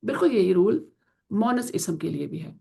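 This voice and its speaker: A woman teaching Quranic Arabic grammar in an online class, explaining in Urdu mixed with English and slowly drawing out the Arabic example words. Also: medium pitch, animated, gravelly, warm tone. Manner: slow drawn-out pronunciation of Arabic example words, asks students to confirm.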